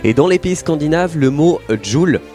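A man's voice: a little high, a little fast, mellow, soft background music. A man co-hosting a radio show who reads from notes, often stumbles, corrects himself and apologizes. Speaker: radio co-host. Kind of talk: casual radio chat, reading notes.

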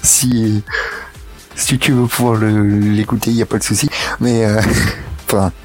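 A young man hosting a casual radio show, talking in a halting, hesitant way and laughing often. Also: fairly low pitch, little pitch movement, a little mellow, faint music behind.

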